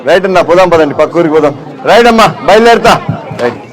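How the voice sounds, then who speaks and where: A man, a local politician chatting with villagers outdoors in a teasing, brisk way, promising help. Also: sits high, lively intonation, some chatter behind. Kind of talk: casual talk with villagers.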